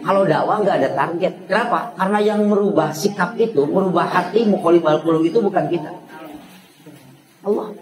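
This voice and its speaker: A male preacher with a Sundanese accent giving a lively, joking sermon to a women's gathering, mixing in sound imitations. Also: high-pitched, a little fast, crowd noise. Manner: switches between Indonesian and Sundanese, jokes, imitates sounds. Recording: echoey room with audience.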